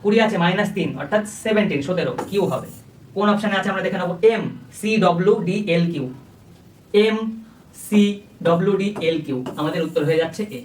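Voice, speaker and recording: Brief: quick exam-prep tutor, recorded at a distance from the mic. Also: mid-range voice, reverberant. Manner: step-by-step explaining, often checks understanding. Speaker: coaching teacher.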